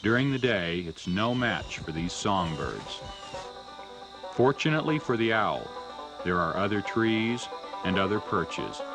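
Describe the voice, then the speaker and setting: Man, nature documentary narrator, fairly low pitch, animated intonation, measured storytelling, music behind. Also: low-quality recording.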